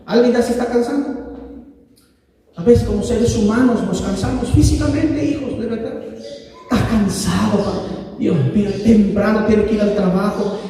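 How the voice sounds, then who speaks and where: A man preaches in a very high voice, calling out to his congregation and climbing into shouts. The sound comes from a large church hall, heavily echoing and picked up from a distance. Soft music plays faintly underneath. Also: normal speed. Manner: call-and-response preaching, rising to shouts. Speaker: pastor. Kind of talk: sermon. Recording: echoey hall, distant mic, music behind.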